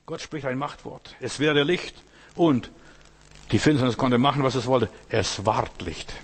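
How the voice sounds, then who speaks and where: A man delivers a sermon in a husky, slightly breathy voice of middle pitch. He preaches with insistent repetition, stacking parallel phrases and turning often to the listener to drive each point home. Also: unhurried. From Asia. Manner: repetitive, emphatic preaching with rhetorical questions to the listener.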